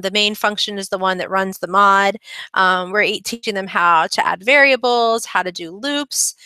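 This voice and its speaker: A woman's voice: medium pitch, sharp tone, clear, resonant tone, no echo, poor audio. A woman teaching kids' coding, chatting her way through a screen-recorded tutorial in an upbeat manner with frequent ums. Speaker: kids' coding club instructor.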